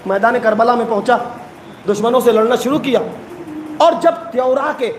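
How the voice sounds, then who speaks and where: A man preaching at a mourning gathering, chanting an emotional elegy, sobbing and rising to wails. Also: extremely high pitch. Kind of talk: chanted Muharram elegy sermon. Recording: echoey hall with faint noise.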